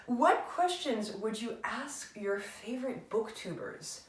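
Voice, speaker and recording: This booktube host has a fairly high, expressive voice and speaks slowly, well back from the microphone in an echoey room. She's answering a tag in a loose, reflective chat, full of filler words and self-deprecating jokes.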